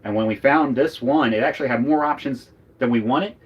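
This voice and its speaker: This RV vlogger and co-host, from Northeast Philadelphia with a Philadelphia accent, jokes and rambles casually on a livestream inside his RV. His mid-range voice is brisk and slightly rough, and the recording has its highs cut off.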